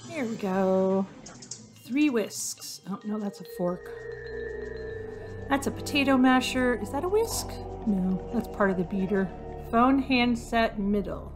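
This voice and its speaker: A gaming video host with a middle-pitched voice chats through a hidden-object game, a little slowly, naming items and making wry, self-mocking remarks as she thinks aloud while searching. Her voice is slightly hoarse and worn, as though fading, and soft game music plays faintly underneath.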